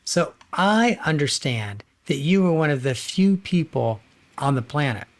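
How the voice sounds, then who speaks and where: A man's voice: a little high, big pitch swings, measured pace. A man hosting a podcast interview, upbeat and enthusiastic. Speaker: podcast host.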